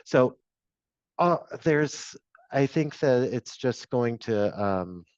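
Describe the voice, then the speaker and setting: A man's voice: mid-range voice, expressive, slow, a little mellow, dry recording, highs cut off. A man panelist on a webinar, answering in a rambling way with many fillers, over a video call.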